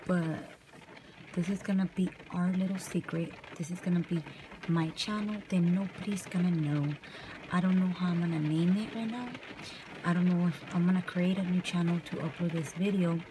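A young woman from California chatting softly and casually in ASMR style while brushing her hair in a parked car at night. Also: fairly low pitch, fairly even intonation, normal speed, noisy background. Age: young adult. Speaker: vlogger. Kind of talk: soft-spoken ASMR chat. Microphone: camera close up.

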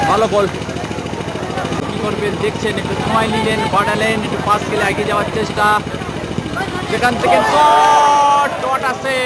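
Frantic, very high-pitched male football commentator. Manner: frantic, excited, shouts drawn-out calls on shots and goals. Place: outdoors at a football ground. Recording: noisy outdoor recording with loud crowd. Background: loud crowd and ground noise.

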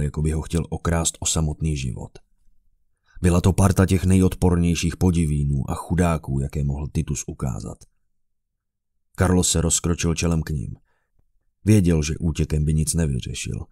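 Gravelly low-voiced male narrator for dark fantasy audiobook. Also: no echo, clean studio sound. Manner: shifts into loud high shouting for characters.

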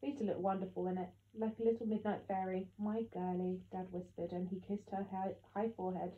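A woman narrating an audiobook in the first person with steady storytelling. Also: medium pitch, brisk, a little hiss or hum. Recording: echoey tinny phone-like sound.

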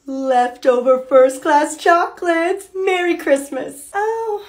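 A woman's voice: extremely high pitch, slow pace. A woman playing a cheerful flight attendant in a short comedy skit, upbeat and bubbly.

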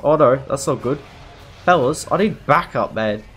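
A man's voice: medium pitch, lively intonation, moderate pace, fairly bright tone. A man giving live commentary over his gameplay, frantic and anxious, repeating himself over and over as he talks. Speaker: gaming video creator.

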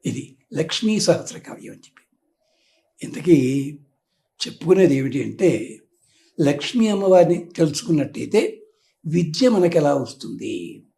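Gravelly, dark-toned man teaching devotion. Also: fairly high pitch, animated, a little slow, pauses often. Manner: teaches through homely analogies and acted quotes. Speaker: spiritual teacher. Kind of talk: devotional explanation with storytelling.

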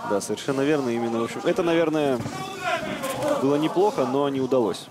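A man giving excitable live MMA commentary. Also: mid-range voice, fast, very noisy. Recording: loud music under the voice.

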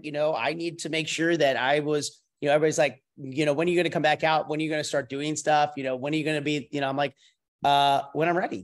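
Rambling middle-aged man on a video call. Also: a little high. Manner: loose, rambling, swears casually, talks with his hands. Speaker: company CEO hosting a panel. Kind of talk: casual panel talk on a video call. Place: wood-paneled home room. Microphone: video call webcam.

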